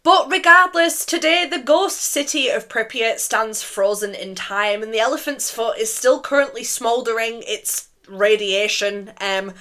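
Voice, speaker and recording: A chatty young woman talks straight to her viewers in a casual vlog, animated and loose with the odd swear word. Her voice sits a touch high for a woman. She sounds like she is recording at home on a desk mic. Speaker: YouTuber host.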